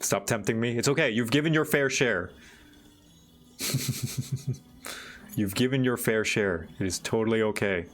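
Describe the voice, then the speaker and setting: A man hosting a livestream, chatting casually and thinking aloud in a halting, musing way. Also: mid-range voice. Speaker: livestream host.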